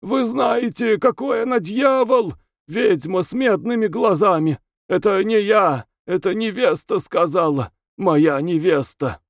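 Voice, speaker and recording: Man doing a frantic hoarse beaten prisoner. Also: measured pace, few pauses, no room sound, studio quality. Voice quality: hoarse wheezing. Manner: shrill, frantic, hiccupping cries.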